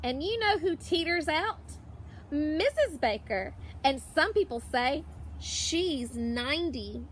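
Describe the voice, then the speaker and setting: A primary school teacher with a high voice reads a picture book to young children very slowly, drawing out words and pausing on purpose. Her intonation swings widely in an expressive storytelling style, and there's slight background noise.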